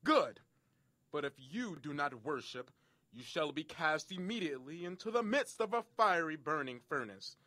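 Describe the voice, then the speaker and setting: A man's voice: a little high, expressive, moderate pace, sharp tone, no room sound, voice pushed up. A man playing a proud, hot-tempered king in a dramatic scripture audio reading, declaiming imperiously and stretching words for emphasis. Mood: imperious fury. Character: proud, furious, booming king of Babylon, given to decrees.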